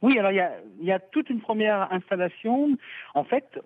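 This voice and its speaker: Excitable guy with a northern french-parisian accent calling in a festival report, kinda high voice, tinny phone sound. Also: brisk, no echo. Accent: northern French mixed with Parisian. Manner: enthusiastic, chatty, with many fillers and restarts. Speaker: culture reporter. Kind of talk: live phone report on radio. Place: outdoors at a street festival, stepped aside from the crowd. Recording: dry tinny phone line.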